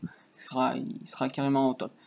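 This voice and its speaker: A man's voice: medium pitch, little pitch movement, moderate pace, gravelly, a little mellow. A man giving a casual screen-recorded coding lesson, rambling and joking to himself while he types. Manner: rambling, joking asides, talks while typing. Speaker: HTML tutorial teacher. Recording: dull lo-fi mic with faint noise. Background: keyboard typing.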